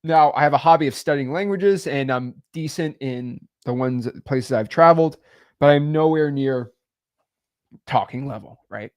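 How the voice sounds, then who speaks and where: This podcast co-host, a young man, speaks at normal speed with a clear, resonant, medium-pitched tone. He gives laid-back business advice in a rambling style packed with fillers, his volume swinging animatedly.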